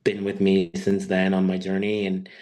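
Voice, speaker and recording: A man in his thirties, from Peru and raised in Quebec, speaking as a guest on a video call and telling his story in a halting, unhurried way. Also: low voice, monotone, darkish tone. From born in Peru, raised in Quebec, Canada. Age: 30s. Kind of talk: personal talk on an online webinar.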